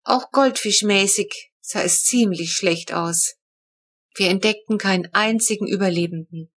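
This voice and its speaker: Woman narrator, storybook chapter, steady clear reading, middle pitch. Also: measured pace. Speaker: audiobook narrator.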